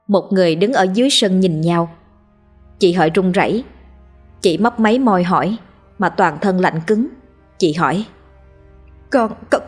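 A woman's voice: lowish voice, darkish tone, slightly rough. Somber woman narrating a ghost story. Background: faint music.

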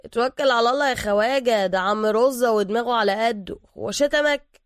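An easygoing Egyptian barber reassures with a jovial lilt, as a woman reading the story plays him. He speaks quickly in a slightly high voice, with an Egyptian accent. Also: clean tone, no echo, studio quality, lightly acted. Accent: Egyptian Arabic. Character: friendly Egyptian barber, easygoing middle-aged man.

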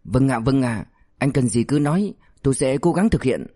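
A man's voice: medium pitch, expressive, moderate pace, warm tone, no room sound, clean studio sound, natural voice. A man voicing a frightened male drug dealer who pleads and stammers for mercy. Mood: groveling. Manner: whiny, begging, stammering.

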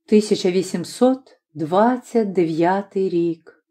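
Mellow-voiced woman narrating a story. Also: medium pitch. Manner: measured, clear storytelling. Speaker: audiobook reader. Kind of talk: literary audiobook narration.

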